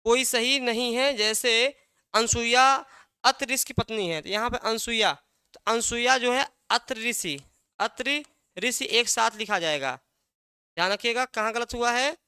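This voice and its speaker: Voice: mid-range voice, normal speed, sharp tone, clean tone, no room sound, studio quality. A teacher giving an exam-prep language lesson, asking a question and then answering it, repeating key words again and again.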